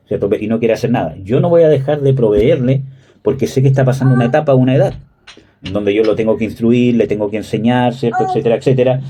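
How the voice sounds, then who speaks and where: A man in his thirties preaching a sermon in a conversational way, often checking with listeners and pausing on fillers. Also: medium pitch, warm tone. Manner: conversational, frequent "¿cierto?" and "¿me entiende?" checks; hesitant fillers, "¿cómo se llama?". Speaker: pastor.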